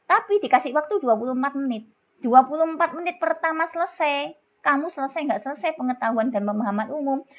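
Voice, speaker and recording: Chatty Javanese-accented woman teacher, lo-fi. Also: high-pitched. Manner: chatty, scolding-playful, calls students "kids". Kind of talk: exam-prep lesson. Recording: dull lo-fi recording.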